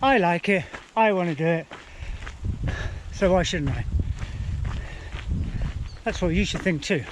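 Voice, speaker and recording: A man's voice: high voice, lively intonation, unhurried, pauses often. A man chatting casually to his vlog while out running, in a rambling, dryly self-deprecating way. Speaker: running vlogger. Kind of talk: casual vlog commentary to camera. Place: outdoors on a rural running route. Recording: outdoor ambient noise, passing vehicles.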